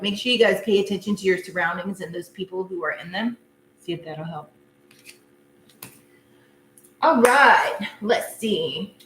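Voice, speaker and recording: Chatty woman reading tarot live. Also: medium pitch. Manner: chatty, casual, laughs often and talks to viewers. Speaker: tarot reader. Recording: echoey room with faint noise.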